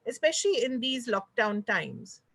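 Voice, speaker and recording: A woman's voice: a little high, very animated, moderate pace, fairly bright tone, husky. A woman with an Indian accent hosting a conversational online interview, polite and somewhat rambling as she frames her questions. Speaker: host of an online talk show. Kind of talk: conversational interview, video call. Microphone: video call.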